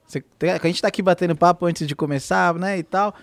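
A man's voice: sits high, fairly even intonation, quick pace, gravelly, dry recording. A man from Brazil co-hosting a podcast in an easygoing way, dropping in casual filler words. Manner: casual, says "mano" and "né".

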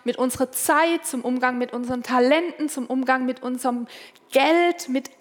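A woman pastor with a high voice preaches a chatty sermon, turning to her listeners with direct questions. She also voices the prayers they might say. Her voice rings out with a long reverb from a church hall. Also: normal speed.

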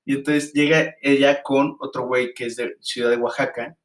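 A man's voice: medium pitch, moderate pace, reverberant. Slangy Mexican man telling a story. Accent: Mexican Spanish. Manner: animated slangy anecdote telling. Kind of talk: casual storytelling chat.

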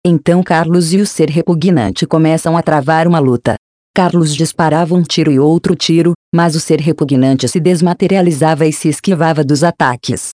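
A narrator with a Brazilian Portuguese accent, reading a dark audiobook chapter in an even, unhurried way. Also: mid-range voice, dry recording, clean studio sound. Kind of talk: scripted narration.

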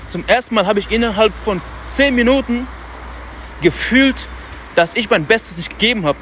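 Loud, slangy man outdoors. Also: high-pitched, animated, normal speed, slight background noise. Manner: loose and self-talking, slangy asides; speaks loudly on purpose. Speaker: podcast host. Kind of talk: casual motivational monologue. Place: outdoors on a city street.

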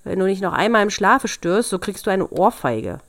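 A woman reading a fairy tale aloud, voicing the Devil as a gruff, irritable old male demon. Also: medium pitch, very animated, moderate pace, no echo, clean studio sound. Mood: grumbling.

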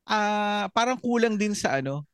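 Podcast co-host, man, casual, filler-heavy, smooth tone. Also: high-pitched, animated, moderate pace, no echo, clean studio sound. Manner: searching for words with frequent fillers. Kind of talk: casual chat.

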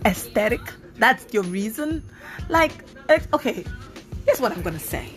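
A woman's voice: a little high, unhurried, faint music behind. A woman in her thirties hosting her own podcast, talking casually and animatedly with plenty of fillers. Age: 30s. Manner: chatty, animated, with many fillers. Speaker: podcast host. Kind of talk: casual solo podcast talk.

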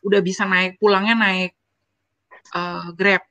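A lecturer in her forties tells her story in an interview, and her voice comes through bright and forceful. She tells it with feeling and keeps turning to the host as she goes. The sound is dry and close, with no room around it. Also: mid-range voice, measured pace, no room sound. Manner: emotional, animated storytelling that often turns to address the host. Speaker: interview guest, university lecturer. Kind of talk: personal storytelling in a conversational interview.

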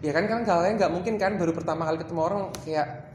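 Brief: chatty trainer at mid pitch, workshop talk with English slipped in, roomy echo. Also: fast, background noise. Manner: chatty, mixes in English phrases, many fillers. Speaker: workshop presenter. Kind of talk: casual training talk to a live group.

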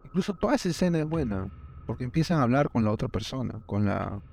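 A man in a casual film chat, animated and jokey, acting out little quotes. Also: medium pitch, fast talker, gravelly, soft background music.

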